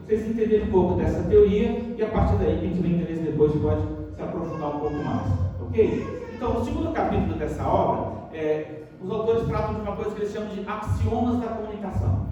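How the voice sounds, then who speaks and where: A man's voice: fairly high pitch, warm tone, recorded from a distance. Man lecturing in an echoey auditorium. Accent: Brazilian Portuguese. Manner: asks the audience many rhetorical questions. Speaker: university lecturer. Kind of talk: lecture workshop.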